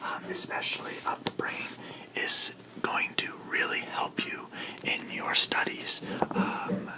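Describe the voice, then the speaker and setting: A person in a whispered role-play as a librarian, speaking in a soft, breathy library whisper with polite, reassuring customer-service phrasing. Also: slow pace, low-quality recording. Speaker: book club librarian helping a customer, role-played.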